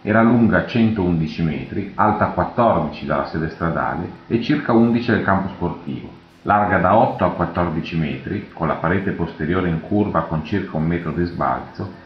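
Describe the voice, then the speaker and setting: A man giving a measured, matter-of-fact scripted narration for a technical documentary. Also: low-pitched, slight background noise. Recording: echoey, dull lo-fi voice-over.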